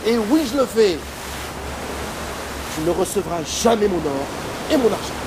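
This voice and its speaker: A man voicing a clever middle-aged merchant father who loudly pretends to scold his son, with music behind. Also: high voice, lively intonation, measured pace, noisy background, voice pushed up. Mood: feigned anger. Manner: loud mock scolding.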